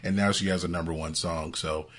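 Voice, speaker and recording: A man with a very deep, slightly husky voice co-hosts a casual podcast. He chats loosely, with fillers and frequent laughter, running through plugs and music news. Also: steady tone, a little fast, a bit bright. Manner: chatty, laughs often, fillers. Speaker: podcast co-host.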